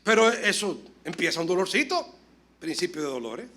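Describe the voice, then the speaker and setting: A male pastor preaching a lively sermon, moving between loud exclamations and quiet asides and acting out dialogue as he tells stories. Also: sits high, normal speed. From Dominican Republic. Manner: acts out dialogue in storytelling.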